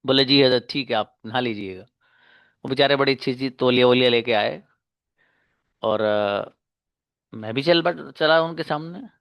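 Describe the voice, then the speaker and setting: A man with an Indian accent teaching an online English class, telling stories and coaxing his students in a relaxed way. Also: mid-range voice, normal speed, vocal fry, pauses often, clear, resonant tone, no room sound. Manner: relaxed storytelling, coaxing and encouraging, mixes English into Hindi. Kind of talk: casual Hindi class talk with English drills.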